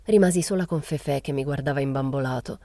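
Low, dark-voiced woman reading a novel. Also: fast, no echo. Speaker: reader.

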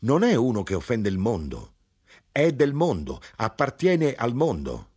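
A man's voice: fairly low pitch, big pitch swings, measured pace, breathy edge, pitched above the performer's own voice, full character voice. A man doing a ragged, musing knife grinder. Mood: earnest. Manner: wondering, musing, bursts of exclamation. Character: lanky ragged male knife grinder, earnest and whimsical.

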